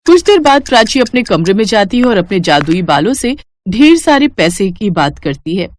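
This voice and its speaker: A woman storyteller giving calm scripted narration of a moral tale. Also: mid-range voice, normal speed.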